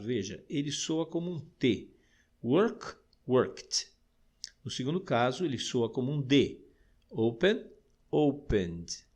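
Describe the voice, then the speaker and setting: A Brazilian man teaching English grammar in an audio lesson, explaining patiently and slowing down to model English words. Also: mid-range voice, gravelly. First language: Portuguese.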